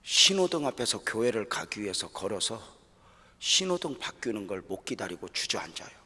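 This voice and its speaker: Husky low-voiced pastor guy, tense forceful edge, goes hushed then loud, big echoey church hall. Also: sing-song, moderate pace. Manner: emotional storytelling, drops to a hush then rises loud. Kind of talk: sermon at a pastors' seminar. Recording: long reverb of a large hall.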